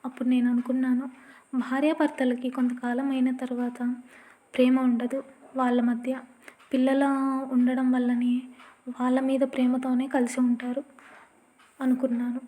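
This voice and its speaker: A woman narrating a first-person story in a soft, steady, plaintive reading. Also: sits high, normal speed, long pauses.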